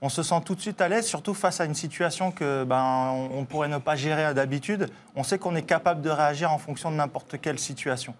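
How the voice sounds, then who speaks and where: A man's voice: fairly high pitch, fairly quick, hardly any pauses. A man, a martial arts coach on a TV show, explaining things earnestly.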